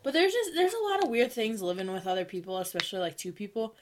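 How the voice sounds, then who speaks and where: A young woman co-hosting a podcast, telling stories in casual chat, animated and full of likes. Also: medium pitch, quick pace. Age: young adult. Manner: animated storytelling, many likes, laughs while talking. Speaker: podcast co-host.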